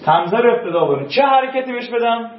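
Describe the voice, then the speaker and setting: A man's voice: very high-pitched, animated, slight background noise. Man teaching a grammar class. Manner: drills conjugations, quizzing students. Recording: dull, roomy classroom recording.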